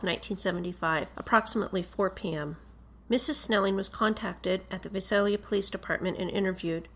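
A woman's voice: medium pitch, a bit bright. Woman formally reading a police report. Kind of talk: formal read-aloud of a police interview report.

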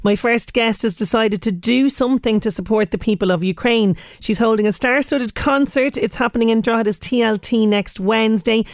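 A woman's voice: fairly high pitch, normal speed, few pauses, no room sound, clean studio sound. A woman with an Irish accent, presenting and interviewing as a radio host. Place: radio studio.

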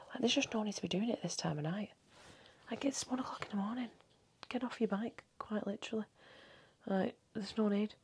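A woman in her thirties hosting a casual solo podcast at home late at night. She rambles and swears freely, and she often drops into a hushed half-whisper. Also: medium pitch, slightly rough. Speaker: podcast host.

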